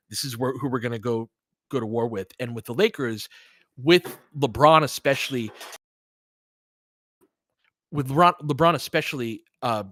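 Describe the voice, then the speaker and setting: A sports podcast host and live play-by-play commentator runs a stream, chatting casually with listeners and offering analysis in a thoughtful, somewhat hesitant, conversational manner. His voice is medium-pitched and fairly bright, captured in studio quality with no echo.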